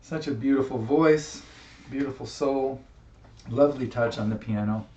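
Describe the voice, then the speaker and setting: A male musician with a medium-pitched, dark-toned voice speaks to camera in a reflective, heartfelt personal tribute, pausing often and using fillers. It's recorded on a webcam mic, sounding roomy, distant and dull.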